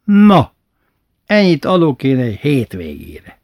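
A man's voice: a little high, a little mellow, dry recording, studio quality, voice pushed up. A man voicing a stout, flashy older bandleader who talks brusquely and curses.

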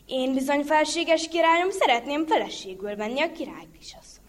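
A woman's voice: high voice, expressive, pitched above the performer's own voice. A woman voicing a cheeky poor young man telling a king ever bigger tall tales. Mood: sly. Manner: sly, boastful tall-tale telling. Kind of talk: folk tale reading.

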